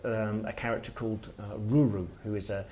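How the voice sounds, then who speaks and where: Halting, reflective man, lowish voice. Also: level tone, mellow, slight background noise. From Wales. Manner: reflective, halting, thinks aloud. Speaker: author and guest speaker. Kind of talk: workshop talk. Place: workshop room with listeners.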